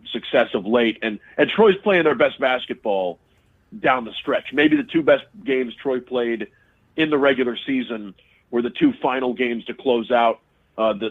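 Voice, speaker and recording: Calling in as a guest for a casual sports talk interview, a male sports broadcaster speaks in a mid-range register, his voice made thin and narrow by the phone line. He analyzes teams closely, often stopping and restarting his sentences.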